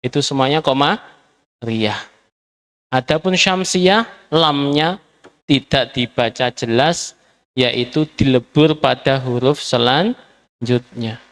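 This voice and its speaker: Guy teaching a class, real slow, smooth clear voice. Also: mid-range voice, a bit bright. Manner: slow, patient, repeats words for drilling. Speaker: Arabic teacher. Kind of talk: classroom lesson.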